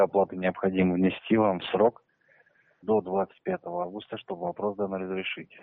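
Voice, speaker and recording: Fast gravelly debt collector on phone. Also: male voice, low-pitched. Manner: stiff, bureaucratic, insistent. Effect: crackly phone line. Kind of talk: formal phone call. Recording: narrow crackly phone line.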